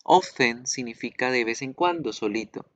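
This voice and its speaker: A man's voice: medium pitch, animated, normal speed, a bit bright, dry recording. A man teaching an online English class, explaining patiently and repeating pronunciation drills aloud.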